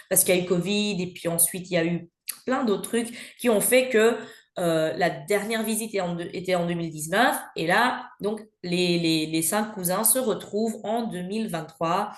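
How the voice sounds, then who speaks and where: A woman's voice: lowish voice, moderate pace. A woman with a Belgian French accent, speaking as an interview guest in a conversational, hesitant way with frequent filler sounds. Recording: roomy echo.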